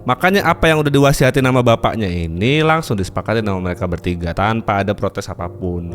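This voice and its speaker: Fast-talking casual male storyteller. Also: medium pitch. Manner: chatty, with many fillers and asides. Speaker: storyteller host. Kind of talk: casual horror story narration.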